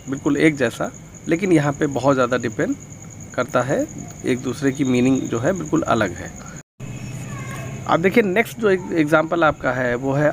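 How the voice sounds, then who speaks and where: A male tutor explains grammar in a gravelly voice. He reads each example sentence slowly and fills his pauses with hesitant sounds. A faint hiss sits under the recording. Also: a little high. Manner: mixes Hindi and English, reads examples slowly, frequent fillers. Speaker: English teacher.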